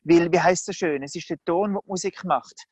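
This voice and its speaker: A preacher giving a sermon in a lively, conversational way, often acting out the people in the story. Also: medium pitch, brisk, slightly rough, dry recording. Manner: lively, conversational, acts out the characters.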